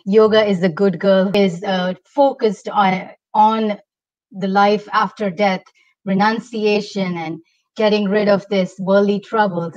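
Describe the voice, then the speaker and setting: A middle-aged woman from India speaks as a guest on a video call from home, explaining her ideas with expressive gestures. Her voice sits at an ordinary pitch for a woman. The laptop microphone leaves it sounding slightly dull and lo-fi. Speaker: Ayurveda health coach, guest. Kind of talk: casual interview on a video call. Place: home room. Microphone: laptop mic on a video call.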